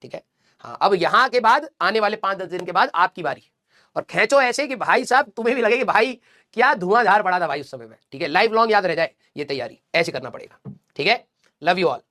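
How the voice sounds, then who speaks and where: Fast-talking motivational teacher, man. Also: high voice, animated, pushed and bright. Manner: direct, scolding and encouraging, slangy asides. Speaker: coaching teacher. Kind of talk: motivational talk to exam students.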